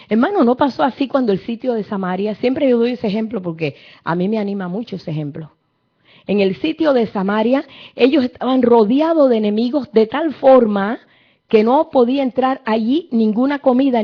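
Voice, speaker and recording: A woman's voice: a little high, a little fast. A woman preacher, giving a fervent sermon full of Bible storytelling and speaking straight to the congregation. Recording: dull lo-fi recording.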